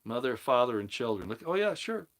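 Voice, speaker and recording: A man's voice: medium pitch, sing-song, fairly quick, a bit bright. A man hosting a livestream, reading viewers' comments aloud and answering them in a rambling way, often restarting his sentences. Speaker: livestream host answering chat. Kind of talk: casual livestream talk on scripture.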